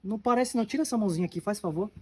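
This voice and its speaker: A man playing a calm, lecturing working man, husky. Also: sits high, racing. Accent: Brazilian Portuguese. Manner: patient, moralizing. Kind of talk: amateur comedy skit acting.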